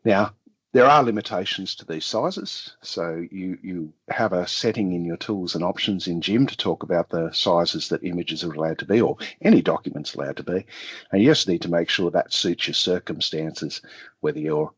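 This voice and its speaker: A hoarse man with a cold, the head of customer services, explaining software in a relaxed way. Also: low voice, moderate pace. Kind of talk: casual explanation. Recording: dull lo-fi audio.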